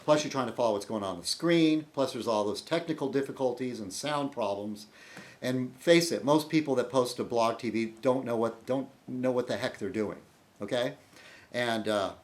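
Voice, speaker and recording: With an expressive, medium-pitched voice at a moderate pace, a man runs a relaxed video blog monologue. He drifts from point to point, stops mid-sentence, and turns to answer what commenters have said.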